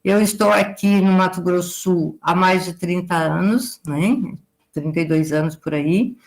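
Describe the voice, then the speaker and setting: A woman in her forties from southern Brazil lectures students live as an agricultural consultant, explaining at length and ending sentences with a questioning "right?". Her voice is fairly low and unhurried.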